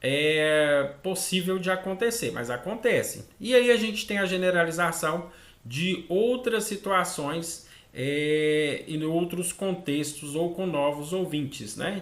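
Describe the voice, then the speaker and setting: A man's voice: a little high, fairly bright tone, echoey room. A man with a Brazilian Portuguese accent teaching an online speech therapy lesson, explaining step by step and often checking in with "né?". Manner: explanatory, acts out child and mother dialogue, frequent "né?". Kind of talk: online lecture.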